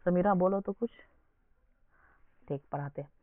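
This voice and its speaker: Speaking at a normal speed in a high voice, a young man teaches an exam coaching session built around repeated questions to his listeners. No echo is present, and the recording sounds dry and phone-like lo-fi.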